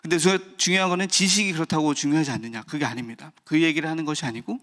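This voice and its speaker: Pastor, male, thirties, at a dawn service; candid, personal delivery with frequent pauses and restarts. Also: fairly high pitch, fairly bright tone. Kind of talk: early-morning sermon.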